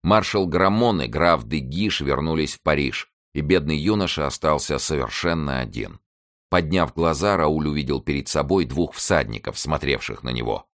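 A man narrating an audiobook with an expressive, theatrical reading. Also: extremely low pitch, moderate pace, dry recording, studio quality.

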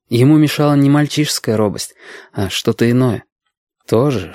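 A man reading an audiobook aloud in a calm, measured storytelling manner. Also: lowish voice, no echo, clean studio sound. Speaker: audiobook narrator.

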